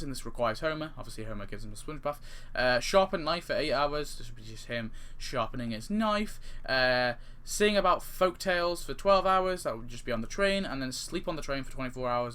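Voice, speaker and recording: On the high side and sharp in tone, this man is a gaming video creator musing about game update ideas. He rambles casually and off the cuff, frequently fixing what he says partway through a sentence.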